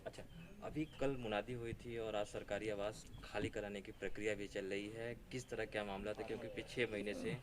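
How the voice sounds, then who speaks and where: A male reporter with a slightly low voice conducts an unscripted news interview. He is insistent and pressing in his questioning. Clear chatter of other people is heard behind him. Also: little pitch movement, fairly quick.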